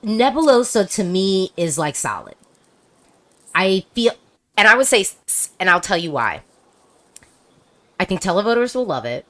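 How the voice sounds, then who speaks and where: A woman's voice: medium pitch, very animated, normal speed, pauses often, a bit bright. A woman hosting a casual video-call chat, talking emphatically with frequent restarts. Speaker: host.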